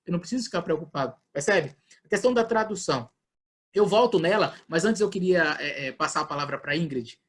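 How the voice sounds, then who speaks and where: A man's voice: fairly high pitch, expressive, fairly quick, fairly bright tone. A man with a Brazilian Portuguese accent, a pastor explaining scripture in an online Bible study and acting out people's questions. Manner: explanatory, acts out questions in quoted voices.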